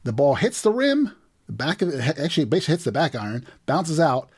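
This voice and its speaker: Animated man breaking down game footage. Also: on the high side, fast talker, breathy edge. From New Jersey. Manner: animated play-by-play, emphatic restarts. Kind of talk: sports video commentary.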